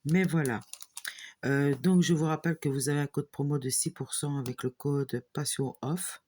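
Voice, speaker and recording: A woman hosting a casual unboxing vlog for her hobby channel, talking in a halting, hesitant way full of fillers and restarts, filmed away from home on a camera set on a small tripod. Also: deep voice, steady tone, mellow, breathy edge.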